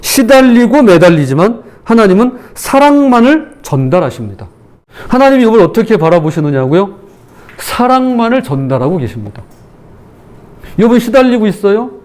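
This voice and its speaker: A male pastor preaching a sermon in an animated way, acting out the speech he quotes with feeling. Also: high-pitched, moderate pace. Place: church.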